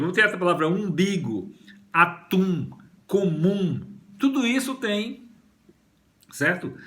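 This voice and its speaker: Man, Brazilian Portuguese accent, lecture, explanatory, slightly high voice. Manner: explanatory, frequent "né?" tag questions, lively intonation. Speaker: language teacher giving a talk.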